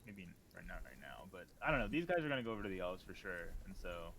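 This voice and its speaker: A lower-voiced man talks quickly and loosely as a player in a tabletop game. A faint hum of ambience sits under his voice. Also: big pitch swings, gravelly, a bit bright. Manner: quick, loose, swears and laughs easily. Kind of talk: casual chat during a tabletop game.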